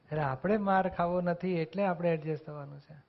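A man talks through spiritual teachings in an earnest, explanatory way, now and then acting out short bits of dialogue. His voice sits a little high for a man. The recording is dull and lo-fi. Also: brisk, gravelly. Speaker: spiritual discussion speaker. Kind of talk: religious discourse explanation.

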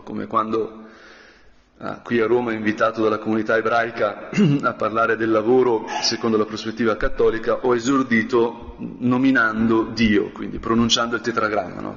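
A man of middle pitch preaching a relaxed, chatty meditation as a priest, clearing his throat now and then. His voice rings with a long hall reverb, and the recording sounds a little dull and lo-fi. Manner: conversational, often clears his throat and adds a questioning tag. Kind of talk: spoken meditation sermon.

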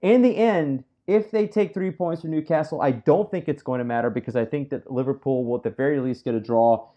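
A man's voice: medium pitch, fairly quick, dark tone. Man, podcast host, casual football talk, blunt, emphatic, lo-fi sound. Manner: blunt and emphatic, swears freely. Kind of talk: casual sports chat.

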